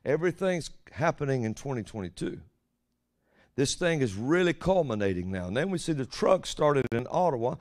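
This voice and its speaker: A man's voice: mid-range voice, big pitch swings, moderate pace. Folksy male preacher, rambling prophetic sermon. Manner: folksy, rambling, with rhetorical questions.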